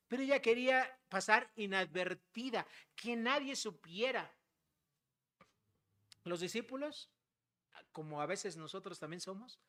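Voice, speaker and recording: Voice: medium pitch, fairly bright tone. A preacher with a Mexican accent giving a conversational sermon, who often checks in with the listeners and acts out everyday dialogues. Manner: conversational, keeps checking in with "¿verdad?".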